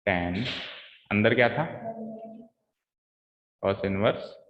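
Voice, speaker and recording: A man's voice: fairly low pitch, drawn-out words. Patient male maths teacher, echoey lo-fi. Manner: quizzes students, calls them "beta" and "bhai". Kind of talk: live online maths class. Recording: echoey room, dull lo-fi sound.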